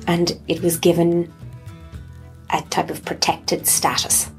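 A woman's voice: on the low side, flat delivery, slow, gravelly, over loud music. A woman with a west of Ireland accent, chatting and giving her opinions in a casual interview. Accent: west of Ireland (Galway). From Galway, west of Ireland. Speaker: interview guest, conference interpreter.

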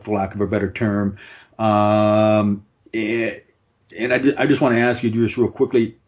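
A man's voice: on the low side, darkish tone. Chatty male interviewer, muffled audio. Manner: chatty, laughs easily, searches for words. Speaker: interviewer, host. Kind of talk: casual interview.

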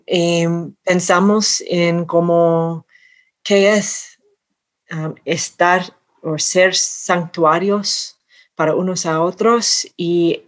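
A woman's voice: on the low side, fairly even intonation, drawn-out words. A woman with an American accent in Spanish, a native English speaker, answering as an interview guest and often searching for her words. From North America. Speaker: interview guest, church activist.

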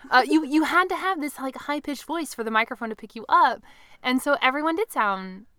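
A woman in her thirties co-hosting a casual podcast chat, animated and playfully teasing, speaking into a studio microphone. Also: high voice, fairly quick, dry recording. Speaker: podcast co-host.

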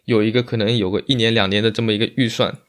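A man's voice: lowish voice, fairly even intonation, very fast. A man speaking as an interview guest in a casual chat, explaining things and repeating phrases for emphasis. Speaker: interview guest, magician and bar owner.

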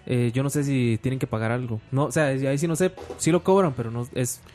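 A man's voice: mid-range voice, quick pace, darkish tone, faint music behind. A man in casual conversation who makes wry, teasing remarks. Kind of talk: casual chat.

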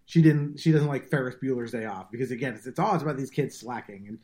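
A man's voice: medium pitch, quick pace, a little mellow. A man hosting a podcast, chatting casually about a film with frequent restarts.

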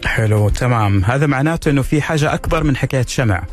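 A man's voice: medium pitch, animated, quick pace, faint music behind. A male radio host, welcoming a guest and asking her questions plainly on a talk show.

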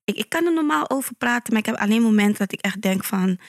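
A woman guest on a podcast, calm and measured as she tells her story, often answering with a quick yes. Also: fairly high pitch, no echo, clean studio sound. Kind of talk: conversational podcast interview.

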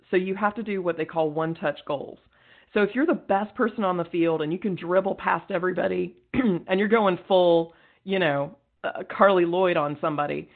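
A woman talking as a guest on a podcast, in an earnest, energetic way and quick to laugh. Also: medium pitch, rough recording. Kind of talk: casual interview conversation.

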